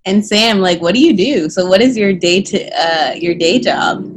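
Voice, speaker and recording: A woman's voice: mid-range voice, expressive, moderate pace, husky. A young woman co-hosting a podcast, chatting in an upbeat, informal way. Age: young adult. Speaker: podcast co-host. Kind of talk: casual chat.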